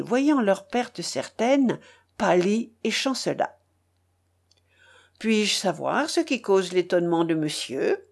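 A woman reads a novel aloud with expressive, theatrical delivery. Her pitch sits in the middle and moves a lot between phrases. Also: gravelly. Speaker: narrator. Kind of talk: audiobook narration of a novel.

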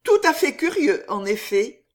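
A woman's voice: high-pitched, sing-song, a little slow, voice pushed up. A woman voicing Riquette, a frank, playful young woman in love, in a dramatized story reading. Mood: polite.

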